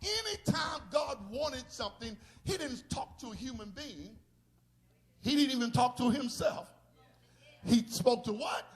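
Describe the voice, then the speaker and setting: A man a sermon as a bishop, shouting in bursts and calling out to the congregation for responses. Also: very high-pitched, animated, unhurried. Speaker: bishop preaching. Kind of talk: charismatic sermon.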